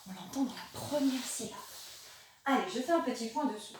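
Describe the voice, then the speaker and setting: A woman teaching a remote lesson to young children, in a gentle, encouraging way, speaking slowly and articulating clearly. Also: on the high side, animated, a little hiss or hum. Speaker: primary school teacher. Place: classroom or room with a board. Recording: very echoey room, voice from a distance.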